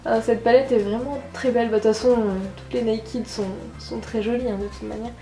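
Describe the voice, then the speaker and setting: A woman with a slightly high voice chats enthusiastically while reviewing makeup, poking fun at herself along the way. The room is echoey, and faint music plays in the background. Her tone is casual and excitable. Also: brisk. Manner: chatty, enthusiastic, self-deprecating. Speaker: beauty vlogger.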